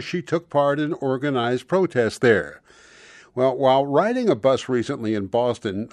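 A man reading the news as anchor in a measured, formal delivery. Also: medium pitch, a little mellow, no echo. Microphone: studio microphone.

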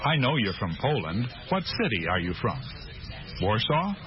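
A friendly reporter from Chicago, lively intonation, clear measured delivery, muffled lo-fi sound. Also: male voice, lowish voice, noisy background. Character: friendly male news reporter. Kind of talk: scripted language-course dialogue. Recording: muffled lo-fi studio recording.

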